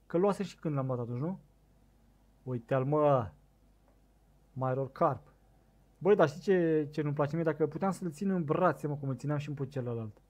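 A young man with a Romanian accent giving casual commentary on a fishing game, excitable and talking to his viewers, on a desk microphone set too loud. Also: on the high side. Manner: excitable, shouts bursts at the game, talks to viewers. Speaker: gaming streamer.

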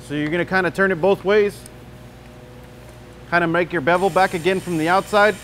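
A man in his thirties giving a relaxed, folksy welding demonstration in a shop, talking the viewer through each step. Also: high voice, brisk, a little hiss or hum. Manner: relaxed, folksy, frequent "you know". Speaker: welding instructor. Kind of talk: casual demonstration tutorial. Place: large welding shop indoors.

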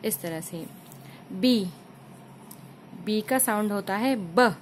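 A woman with an Indian accent teaching letter sounds for children, saying each sound slowly and repeating it. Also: mid-range voice, a little mellow, a little hiss or hum. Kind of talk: phonics lesson for children.

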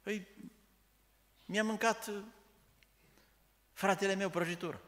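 A man's voice: sits high, fairly even intonation, a bit bright, in a large hall, pitched above the performer's own voice. A man doing a sulky little boy. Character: sulky little boy crying over cake.

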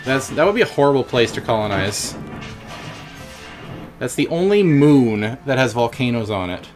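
A man's voice: medium pitch, expressive, moderate pace. A man doing joking, playful gameplay commentary with casual swearing and blurted sound effects. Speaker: gaming video host. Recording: game music behind the voice.

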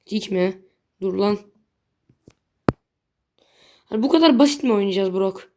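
A young woman, a gaming video creator, chats casually while playing a mobile game, blunt and easily frustrated, swearing lightly at her bad luck. She speaks unhurriedly at medium pitch over a noisy background.

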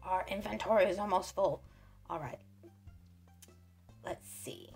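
A woman's voice: mid-range voice, a little slow, creaky, a little mellow, slightly rough. A woman giving casual, chatty let's-play commentary, playful and thinking aloud. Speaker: gaming video host. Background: faint game music.

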